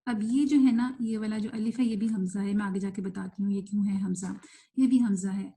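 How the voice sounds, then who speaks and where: A woman teaching Quran recitation in an online class, explaining quickly and mixing in English words, then reciting words slowly and stretched out. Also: mid-range voice, fairly even intonation, dark tone. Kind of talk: online tajweed lesson, live class.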